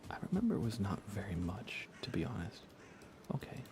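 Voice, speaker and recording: This is whispered ASMR commentary from a man livestreaming a game, his lowish voice very animated and fairly quick. Playfully grumbling, he often repeats his own phrases, with noise audible in the background.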